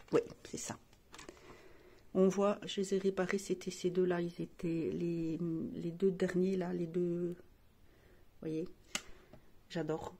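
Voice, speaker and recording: Woman beauty vlogger, casual rambling talk, mid-pitched voice, faint hiss behind. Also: darkish tone. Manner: chatty, rambling, frequent restarts and fillers. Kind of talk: casual chat showing makeup palettes.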